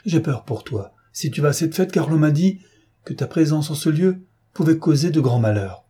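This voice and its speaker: A man's voice: a little high, fairly even intonation, moderate pace, mellow, breathy edge, pitched above the performer's own voice. A man reading the lines of a frightened young wife who begs her husband not to go. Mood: pleading.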